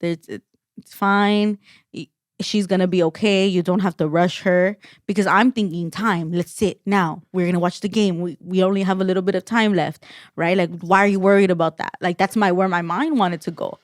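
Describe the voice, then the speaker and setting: A woman's voice: on the low side, steady tone, brisk, dry recording, studio quality. A woman co-hosting a podcast in casual chat, rambling with lots of "like" fillers and restarts. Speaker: podcast co-host.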